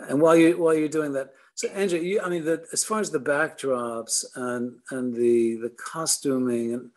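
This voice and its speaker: Older guy running a zoom q&a, a bit high voice, kinda stumbly starts. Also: fairly even intonation, a little mellow. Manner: halting, repeats words when starting. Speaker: moderator. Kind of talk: casual Zoom Q&A. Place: home room. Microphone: webcam on a video call.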